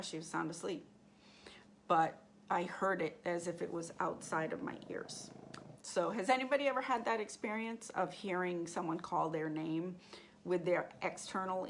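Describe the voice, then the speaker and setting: Woman teaching a live class, low-pitched. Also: unhurried, a little hiss or hum. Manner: conversational, asks the group questions. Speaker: intuition teacher.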